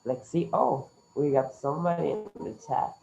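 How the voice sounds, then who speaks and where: Online English teacher, Latin American Spanish accent, native Spanish speaker, mid pitch, encouraging and instructive, slightly dull class audio. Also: moderate pace, vocal fry, warm tone, a little hiss or hum. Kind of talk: interactive online language lesson.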